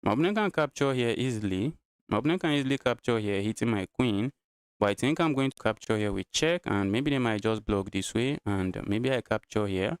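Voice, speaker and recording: A man's voice: mid-range voice, lively intonation, brisk, clean tone, no room sound, clean studio sound. A Nigerian man streaming live chess, thinking his moves aloud and repeating his phrases as he goes. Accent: Nigerian English.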